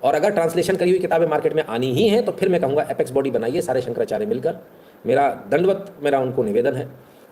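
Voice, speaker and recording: Casual host, man, quick and rhetorical, mellow voice, faint background noise. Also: a little high. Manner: rhetorical, keeps asking "है ना?". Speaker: online history talk host. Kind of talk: casual talk to viewers.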